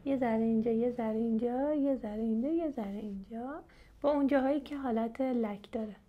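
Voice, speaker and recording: Speaking to viewers directly, a young woman from Iran unboxes and tests makeup in a casual, chatty, animated way. She's a beauty vlogger sitting in front of the camera at home; her voice is on the high side and the sound is lo-fi.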